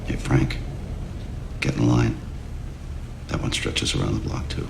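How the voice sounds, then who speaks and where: A tough American cop in a crime film, with an extremely deep voice full of gravel. He is blunt, calm and determined, giving nothing away in an echoey room with music underneath. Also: measured pace, very noisy, heavily acted. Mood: dry, unyielding. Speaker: police detective interrogating a suspect. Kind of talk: film drama acting.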